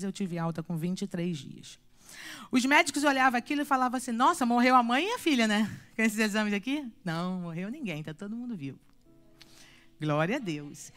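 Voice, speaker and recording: A woman in her thirties from Brazil giving a church testimony, telling her story with animated storytelling and acting out the dialogue. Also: mid-range voice. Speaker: guest speaker giving a testimony.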